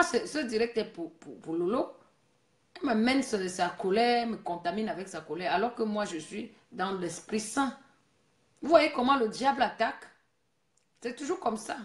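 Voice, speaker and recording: Woman host of a casual live stream, scolding and preachy, mid-pitched, recorded in an echoey room. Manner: scolding, preachy, repeats herself.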